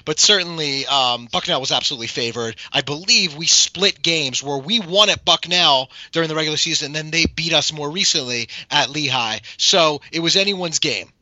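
A young man co-hosting a casual sports podcast, his voice raspy and hoarse, bantering wryly. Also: on the high side, expressive, moderate pace, hardly any pauses, bright, forceful tone, dry recording. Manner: wry, playful banter. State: raspy, hoarse from a weekend of cheering. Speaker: podcast co-host. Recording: dull lo-fi podcast recording, dry.

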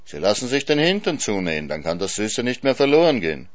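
A man's voice: on the low side, big pitch swings, quick pace. Man doing a sly trickster hare.

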